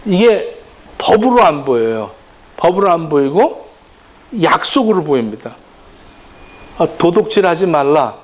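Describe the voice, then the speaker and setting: A middle-aged male pastor preaching a sermon, animated and acting out quoted lines in different voices. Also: on the high side, measured pace, long pauses, low-quality recording.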